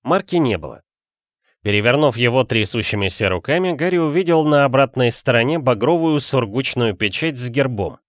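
A man narrates a storybook in a steady, even storytelling manner. His voice sits in the middle range. The recording is dry and close. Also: medium pitch, brisk, hardly any pauses, no echo. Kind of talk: audiobook narration.

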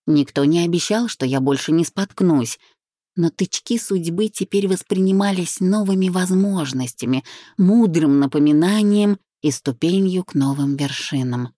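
A woman reading a first-person audiobook in a calm, reflective way. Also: on the low side, moderate pace, no room sound, clean studio sound. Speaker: audiobook narrator. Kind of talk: scripted first-person narration.

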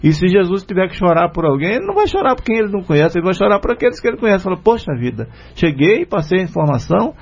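A man with a Brazilian Portuguese accent hosts a spiritist radio show, talking in an earnest, conversational way. His voice is gravelly, husky and somewhat high. The sound is dull and lo-fi, like an old radio recording. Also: very animated, racing, few pauses. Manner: earnest, retells a story with many "né?" fillers. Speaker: radio program host.

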